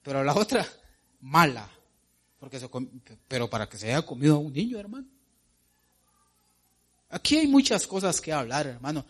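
Emphatic preacher man, slightly high voice. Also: normal speed, long pauses, husky. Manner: emphatic, repeats phrases and calls the listeners brother; pitch and loudness swing widely, dropping low then rising to excited cries. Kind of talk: sermon.

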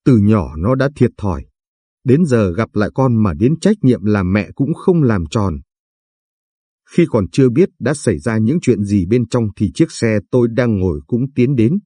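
A man reading a dramatic first-person story in a steady, earnest narration. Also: on the low side, a little slow, husky, dry recording, clean studio sound.

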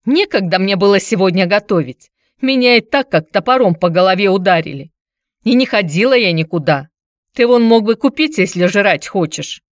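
A woman's voice: animated, moderate pace, no echo, lo-fi sound, natural voice. A woman voicing a quarrelsome, hard-drinking woman who answers in a snappish, sarcastic way. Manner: snappish, sarcastic, shrill when riled.

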